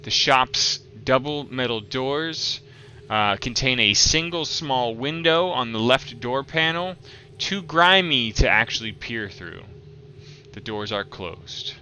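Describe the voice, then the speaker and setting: A man narrating a tabletop game as game master, improvising descriptions in a halting way. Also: medium pitch, expressive, pushed and bright, a little hiss or hum.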